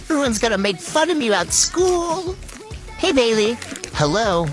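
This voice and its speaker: A teenage girl stuck with a wobbly old grandma voice, as a woman puts it on, her pitch swooping up and down. She sounds whiny and put-upon in a short comedy skit, with music playing underneath. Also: sing-song, unhurried. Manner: quavering put-on old-lady voice. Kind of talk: acted POV skit.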